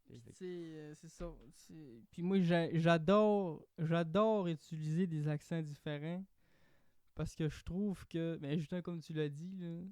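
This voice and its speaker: Animated Québécois man, high voice. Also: a little slow, clear, resonant tone, no room sound. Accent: Québécois French. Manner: animated, swears casually, slips into mock accents. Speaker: podcast host. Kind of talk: casual podcast chat.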